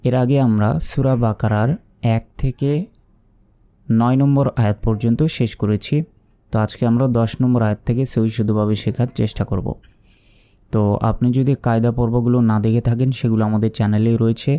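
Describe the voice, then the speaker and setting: A man teaching Quran reading step by step, patiently spelling out letters and chanting verses slowly. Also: medium pitch, little pitch movement, dark tone, smooth. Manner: slow, drawn-out chanting of verses between plain explanations; patient, methodical spelling out of letters and vowel marks. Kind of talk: step-by-step recitation lesson.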